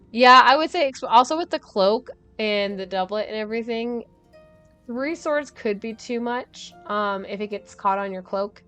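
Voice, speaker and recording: Slow, chatty woman streamer. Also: a little high, lively intonation, a bit bright, smooth, faint music behind. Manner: chatty, thinks aloud, laughs often. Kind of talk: casual gameplay commentary.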